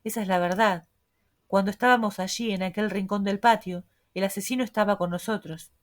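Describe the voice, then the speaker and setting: A woman reading the lines of a bold young male reporter, calm, unhurried and sure of himself. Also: mid-range voice, lightly acted. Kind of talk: audiobook reading.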